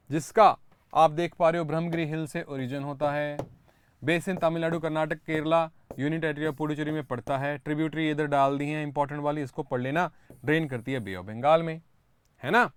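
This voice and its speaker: A man's voice: fairly high pitch, clean tone, no echo. A man teaching current affairs for exam prep, explaining step by step, calling his students kids and asking rhetorical questions.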